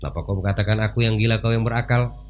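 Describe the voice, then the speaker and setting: A man's voice: fairly low pitch, racing, lightly acted. A preacher voicing a proud caliph who demands answers from a madman. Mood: indignant. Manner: demanding, questioning.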